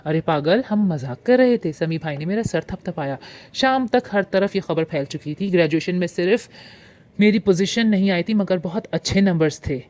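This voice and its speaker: A woman reading a romantic novel aloud in the first person, with expressive storytelling. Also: on the low side, moderate pace. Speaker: audiobook narrator.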